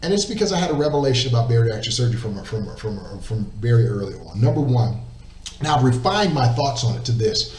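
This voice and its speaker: Speaking briskly with a darkish, expressive medium-pitched voice, a middle-aged man gives an earnest faith testimony as an interview guest. He stresses his points, repeats words, and keeps asking "right?". Faint noise and a roomy echo come through the distant microphone.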